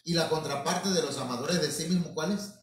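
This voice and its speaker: A man's voice: fairly high pitch, a little fast. A man preaching a sermon in a church hall, often calling his listeners brothers and restarting his words as he goes. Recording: very echoey room, mic at a distance.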